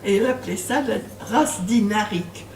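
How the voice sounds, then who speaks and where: Here the same kind of bookshop talk features an older woman author and guest whose medium-pitched, darkish voice moves at a normal speed. She hesitates, uses lots of fillers, and laughs during her stories. Audience present, with a roomy space, a distant mic and faint noise.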